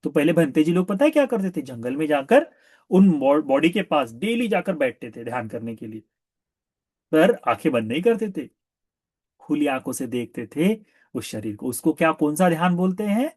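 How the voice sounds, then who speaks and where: Animated male monk telling a story. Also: a little high, moderate pace, breathy edge, no room sound, clean studio sound. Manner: animated, asks listeners rhetorical questions; repetitive for emphasis. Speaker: Buddhist monk teacher. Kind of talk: storytelling sermon.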